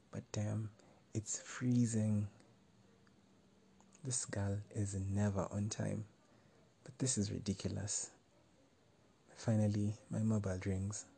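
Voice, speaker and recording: A man reading a first-person story aloud in a measured, wry way. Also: on the low side, level tone, gravelly, dark tone, a little hiss or hum. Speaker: narrator.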